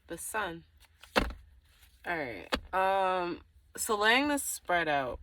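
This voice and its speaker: Speaking extremely slowly in a sing-song, fairly low voice, a woman improvises a tarot reading for the viewer, wandering off mid-thought and returning to it. Background noise is audible.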